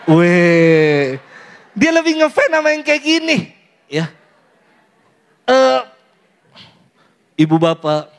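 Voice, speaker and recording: High-voiced joking priest. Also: male voice, fairly bright tone. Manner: playful, teasing, mimics youth in falsetto. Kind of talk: lively sermon to a parish audience.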